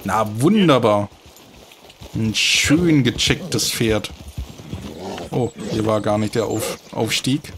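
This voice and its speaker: A man's voice: lowish voice, slow, creaky, long pauses, noisy background. A man giving casual gameplay commentary as a let's play host, chatty and talking to the horses, with bursts of frustrated cursing. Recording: game sounds of horses and hooves loud behind. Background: game audio with horse hooves.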